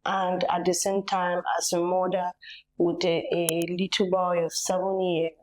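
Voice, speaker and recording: A woman from Cameroon with a Cameroonian accent, speaking as an interview guest in a measured, earnest way with pauses and fillers. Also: lowish voice, little pitch movement, low-quality recording. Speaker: medical tourism facilitator, patient's mother.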